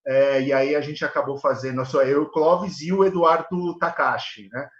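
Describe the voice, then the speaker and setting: A man, a guest in a live interview, speaking earnestly and haltingly with many fillers. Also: fairly high pitch, steady tone, fairly bright tone. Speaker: guest, elder care manager. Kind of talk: live video call interview. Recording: echoey, dull video call audio.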